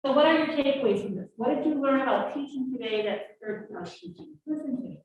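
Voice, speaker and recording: Woman teaching a workshop, fairly high voice, muffled far-off mic. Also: quick pace. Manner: lively, coaxing audience answers. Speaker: workshop instructor. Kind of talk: live leadership workshop talk. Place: classroom. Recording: echoey room, distant muffled mic.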